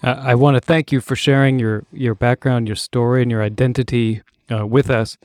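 A man's voice: mid-range voice, steady tone, moderate pace, a little mellow, no room sound. A man with a mid-range voice hosts a podcast and poses careful, polite questions. He thanks his guest formally. The sound is dry and close-miked. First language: not born in the United States. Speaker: podcast host. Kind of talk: interview hosting.

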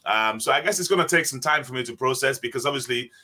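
A man's voice: mid-range voice, quick pace, pushed and bright. A man in his sixties, guest on an interview podcast, telling stories and often laughing as he talks. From England. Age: 60s. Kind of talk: casual interview.

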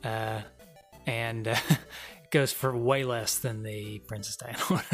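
A man's voice: mid-range voice, steady tone, slow, soft background music. Laid-back joking male podcast host. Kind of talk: casual podcast chat.

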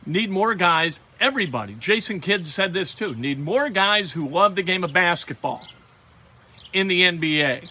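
A man's voice: high-pitched, lively intonation, normal speed, bright, forceful tone. A man hosting a sports talk show, delivering a blunt, emphatic and wisecracking monologue about local teams.

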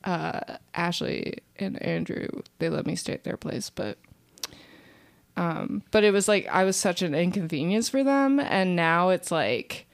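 A woman's voice: on the low side, expressive, a little slow, vocal fry. A young woman, a comedian guest on a podcast, telling a rambling story in casual chat, full of fillers and restarts.

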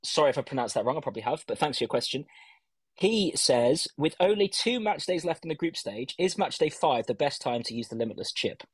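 Husky man on low-quality audio. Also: very animated, a little fast, no echo. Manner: chatty, self-teasing, reads listener questions aloud. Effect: low-quality audio without his usual microphone. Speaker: podcast host. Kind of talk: casual fantasy football chat.

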